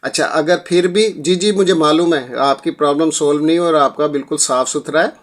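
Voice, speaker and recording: A man's voice: a little high, a little fast. Chatty man hosting a repair tutorial. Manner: chatty, repeats filler phrases, addresses viewers as friends. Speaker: tech repair channel host. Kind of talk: casual how-to tutorial.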